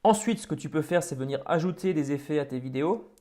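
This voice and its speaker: Man in tutorial voice-over, a bit high, loose and chatty with fillers. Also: lively intonation, fast, dark tone. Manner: casual, many fillers and restarts. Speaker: tutorial host. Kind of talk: screen-recorded software tutorial.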